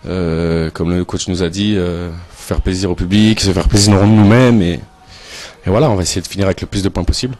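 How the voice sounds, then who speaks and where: A young male footballer with a low-pitched voice. He answers interview questions casually, hesitating and repeating small words. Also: steady tone, a little fast, darkish tone. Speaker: football player. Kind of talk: casual pre-match interview.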